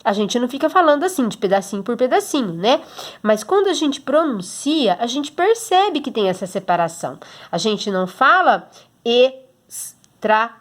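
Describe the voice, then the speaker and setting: A woman's voice: fairly high pitch, lively intonation, moderate pace. A woman with a Brazilian Portuguese accent, a teacher explaining a homework exercise to children patiently, step by step, checking in often. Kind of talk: recorded homework lesson for children.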